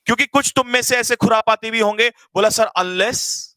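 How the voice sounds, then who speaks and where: A man teaching an online English grammar class, quizzing students rapid-fire in a teasing, energetic way. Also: very high-pitched, clean tone, dry recording, low-quality recording.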